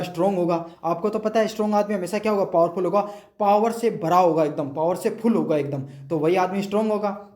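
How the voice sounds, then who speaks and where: High-voiced man teaching vocabulary, echoey room. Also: a little mellow. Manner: explains with rhetorical questions and memory tricks. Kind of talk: exam-prep vocabulary lesson.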